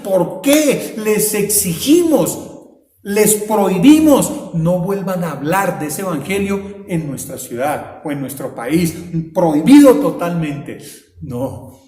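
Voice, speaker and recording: Pastor type, male, high and impassioned, swings loud to hushed, echoey church hall. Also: expressive, slow. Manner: fervent preaching with wide swings between loud cries and low murmurs. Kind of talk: sermon. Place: church sanctuary.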